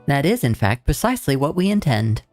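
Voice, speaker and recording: A man voicing a calm, determined female sorceress scholar in a measured, formal way. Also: fairly high pitch, no echo, soft background music, voice pushed up. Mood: resolute. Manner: measured, formal reading of game dialogue.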